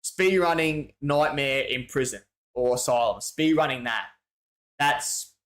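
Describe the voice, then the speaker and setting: A medium-pitched, slightly bright Australian voice belongs to a livestream host who speaks unhurriedly. He reads viewer messages out in a casual, slangy, rambling chat with frequent restarts.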